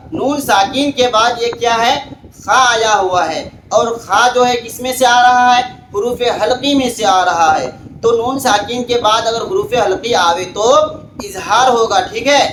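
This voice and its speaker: A man teaching Quran reading, spelling each word out letter by letter and reciting it slowly. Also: very high voice, a bit bright. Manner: slow drawn-out recitation between quick explanations. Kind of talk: spelling out Quranic words for learners. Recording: echoey room with faint background hiss.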